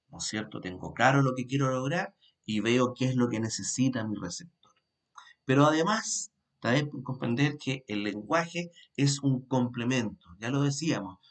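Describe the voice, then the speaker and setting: A middle-aged man, giving an online class lecture as a trainer, expressive and shifting his pace and loudness to demonstrate. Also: mid-range voice.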